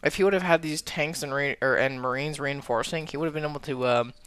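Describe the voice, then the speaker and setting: A man commentating a strategy game match, calm in analysis and excitable when fights break out. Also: a little high, fast talker, smooth, no room sound. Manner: excitable, shouts during fights. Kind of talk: esports casting.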